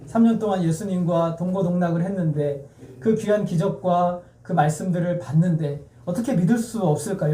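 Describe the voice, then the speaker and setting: A man's voice: high voice, mellow, far from the mic. A male pastor preaching an emphatic sermon, repeating key phrases and asking the congregation questions. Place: church sanctuary. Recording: echoey church sound heard from afar.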